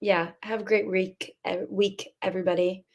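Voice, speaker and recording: A woman's voice: medium pitch, little pitch movement, normal speed, a little mellow. Bubbly woman podcast co-host. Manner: bubbly and enthusiastic, laughs often. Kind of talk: casual chat.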